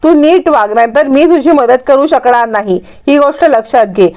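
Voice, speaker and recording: A woman's voice: high voice, moderate pace, a little mellow, lightly acted. Woman voicing an earnest young wife. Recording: dull lo-fi recording.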